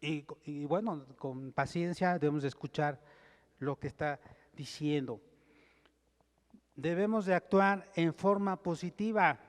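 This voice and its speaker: A male pastor preaching a sermon, teaching point by point in a measured way and reading scripture aloud. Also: on the high side. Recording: long hall reverb.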